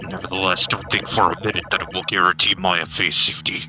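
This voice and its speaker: A man voicing a menacing hidden male villain on a phone call, his voice disguised by a voice changer, calm and taunting. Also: low-pitched, fast, background noise, voice pushed down. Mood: coldly taunting. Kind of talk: fan voice acting while playing a game.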